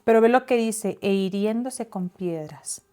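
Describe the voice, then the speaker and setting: A woman's voice: mid-range voice, unhurried, mellow. A woman co-hosting a casual Bible discussion, reading verses aloud and explaining them. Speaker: Bible study co-host.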